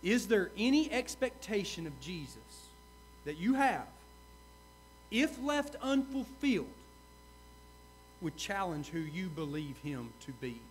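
A male pastor preaching a sermon, earnest, repeating key questions and swinging from loud to hushed. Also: high voice, sing-song, a little slow, long pauses, slight background noise.

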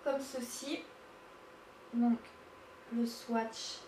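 A woman giving a casual makeup swatch demo, halting with many fillers and gushing over the colors. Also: a little high, fairly even intonation, mellow. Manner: hesitant, lots of fillers, gushing. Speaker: beauty vlogger. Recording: echoey room, mic at a distance, faint hiss.

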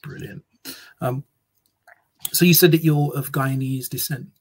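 A man's voice: mid-range voice, fairly even intonation, a little slow, low-quality recording. A man hosting an interview over a video call, hesitant with many fillers and restarts. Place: small indoor room. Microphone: video call webcam.

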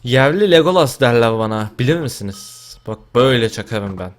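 Turkish man, gaming commentary, joking banter, sudden loud yells. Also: medium pitch, brisk. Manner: excitable, yells and shouts at teammates in bursts. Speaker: gaming YouTuber. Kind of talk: casual gameplay commentary.

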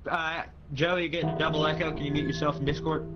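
A man chatting during a co-op video game, shouting quick excited callouts and swearing. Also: fairly high pitch, highs cut off, loud music behind the voice. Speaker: gamer. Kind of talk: casual co-op game chat.

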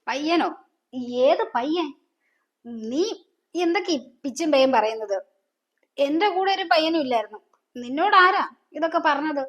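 A woman's voice: high voice, lively intonation, moderate pace, long pauses, a bit bright. An actress playing a scheming widowed mother who talks curtly and dismissively. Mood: defensive. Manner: curt, dismissive, scolding. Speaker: actor. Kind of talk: family drama acting. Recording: dull lo-fi sound.

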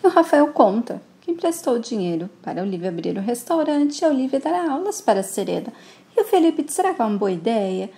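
A woman's voice: high-pitched, sing-song, quick pace, gravelly, dark tone. A woman narrating a soap opera episode recap, playing every character herself.

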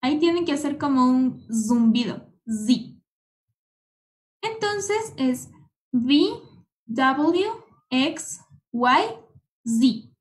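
A woman's voice: sits high, very animated, slow pace, long pauses. A woman teaching an English alphabet lesson, patiently drilling letters one at a time and using affectionate little words. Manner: uses affectionate diminutives. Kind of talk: slow, repeated children's-style alphabet lesson.

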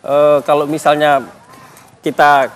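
A man working as a police dog trainer, calmly explaining in an outdoor interview and now and then acting out commands. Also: on the high side, slow pace, a little hiss or hum. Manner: calm, explanatory, acts out commands.

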